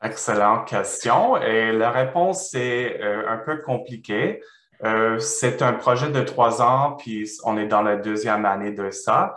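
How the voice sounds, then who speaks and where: A man with a foreign accent, a non-native French speaker, presenting research and answering questions haltingly as he searches for words. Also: on the low side, a bit bright. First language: not French. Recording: roomy, echoing sound.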